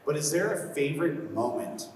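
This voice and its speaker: A man's voice: fairly high pitch, expressive, moderate pace, recorded from a distance. A man moderating a convention panel, upbeat and enthusiastic, laughing often. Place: large convention hall. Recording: echoey hall audio from afar, faint noise.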